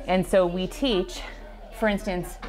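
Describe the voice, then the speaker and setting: A woman in her forties, a teacher, giving a school tour and explaining things in a measured, lightly joking way, recorded on a lapel mic in a classroom. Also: fairly low pitch, fairly even intonation, crowd noise. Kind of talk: conversational explanation.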